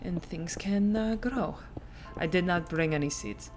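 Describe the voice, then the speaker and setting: A woman's voice: on the low side, a little slow, a little mellow, soft background music. A young woman streaming a game, talking anxiously to herself in repeated reassurances, dropping to whispers and snapping back at her chat. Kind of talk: live-streamed gameplay with in-character roleplay.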